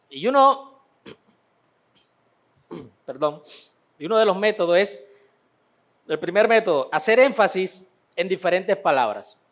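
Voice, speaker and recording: A man with a fairly high voice gives a church Bible lesson. He talks conversationally and circles back over phrases to stress them. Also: fairly bright tone. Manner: conversational, repeats phrases for emphasis. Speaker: Bible teacher. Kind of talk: church teaching class.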